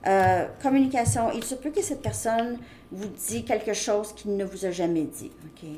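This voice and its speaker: A woman giving a casual tarot card reading, chatty and thinking aloud with lots of fillers. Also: mid-range voice. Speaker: tarot reader. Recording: echoey room, faint background noise.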